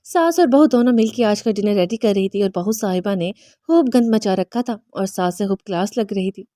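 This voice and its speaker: A woman narrating a novel as an audiobook in steady storytelling. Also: mid-range voice, no room sound, clean studio sound.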